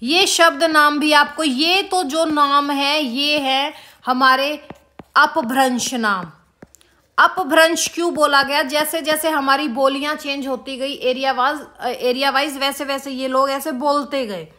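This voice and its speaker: A woman's voice: high voice, steady tone, a little slow, pushed and bright. A woman teaching an exam-prep lesson, repeating key words and quizzing her students with questions. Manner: calls students "beta".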